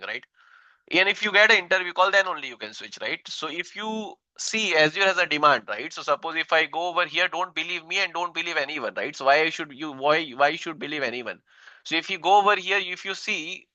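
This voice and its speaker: A man's voice: on the high side, pushed and bright, clean tone, no room sound, highs cut off. A man in his thirties with an Indian English accent, teaching an online tech class, repeating himself and checking in with "right?" after each point. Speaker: instructor.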